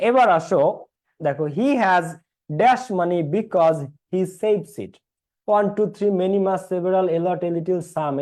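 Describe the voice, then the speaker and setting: A man's voice: high-pitched, mellow. A young man with a Bangladeshi Bengali accent teaching an English class online, repeating points and quizzing his students.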